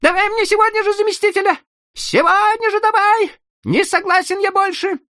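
A man's voice: huge pitch swings, moderate pace, bright, forceful tone, dry recording, studio quality, exaggerated voice. A man voicing an overworked, harried male official who shrieks and whines when angry. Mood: shrieking. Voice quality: high and shrill, whining.

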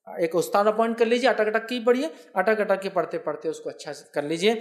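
A man answering viewers' questions as a religious scholar. He explains patiently, keeps checking that listeners follow him, and slowly sounds out Arabic words to show how they are pronounced. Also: sits high.

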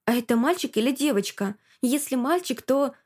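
Lady putting on a high excited little girl, breathless, pleady, audiobook kid voice. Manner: breathless, pleading, quick to whine. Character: excitable little girl, eager and wide-eyed.

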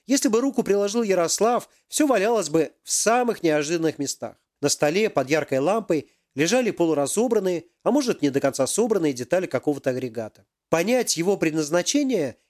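A man narrating an audiobook with expressive, animated reading. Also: high-pitched, brisk, hardly any pauses.

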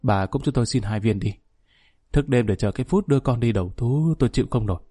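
A man voicing a worried elderly father who speaks softly and pleadingly. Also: mid-range voice, fast, breathy edge, no room sound, clean studio sound, faint music behind, close to an everyday voice. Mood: weary.

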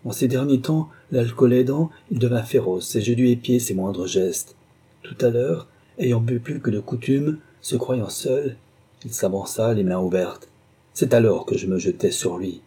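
A man voicing a loyal middle-aged male valet who speaks in an earnest, measured way. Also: mid-range voice, mellow, slightly rough. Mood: grave.

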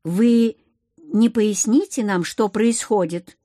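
Brief: woman doing a gloomy, deceptively calm commander husband, audiobook role, dry close sound. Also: fairly high pitch, unhurried, breathy edge, no room sound. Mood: stern. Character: stern male commander, the narrator's husband. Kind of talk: audiobook character voice.

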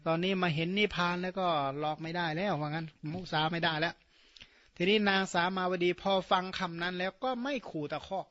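Retelling scripture in a dharma talk, this Khmer-speaking monk from Surin, Thailand explains terms and drops in colloquial asides and tag particles. His fairly bright voice sits high, with fairly even intonation and a fairly quick pace. The recording cuts off the highs.

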